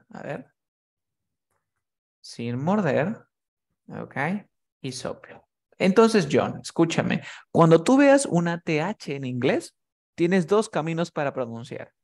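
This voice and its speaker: A man's voice: a little high, sing-song, slow, vocal fry, a little mellow. A man teaching a one-on-one pronunciation lesson, patiently demonstrating sounds and coaxing his student. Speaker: English teacher.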